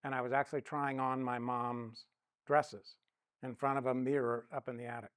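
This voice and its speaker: A man's voice: medium pitch, little pitch movement, moderate pace, a bit bright, clean tone, no room sound. A middle-aged man giving a counseling lesson, telling personal stories and acting out the quoted dialogue. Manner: storytelling, acts out quoted dialogue. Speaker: counseling instructor. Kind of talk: teaching talk with personal stories.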